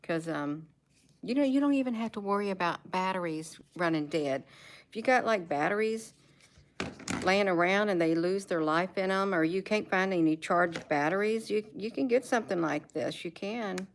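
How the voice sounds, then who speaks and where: An American woman vlogger rambles casually at home while showing off gadgets, repeating words and phrases for emphasis. Her voice is fairly low and moderately paced, with a little hiss or hum on the audio.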